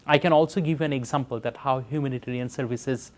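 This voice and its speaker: A middle-aged man from Bangladesh, a professor speaking in an interview in an earnest, measured way with frequent pauses and fillers. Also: mid-range voice. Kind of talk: reflective interview talk.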